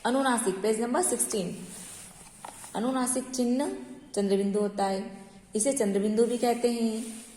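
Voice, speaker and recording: Woman, primary school teacher, higher voice, patient, long room reverb. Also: mellow, a little hiss or hum. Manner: slow, patient, repeats and asks checking questions. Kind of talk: online class lesson.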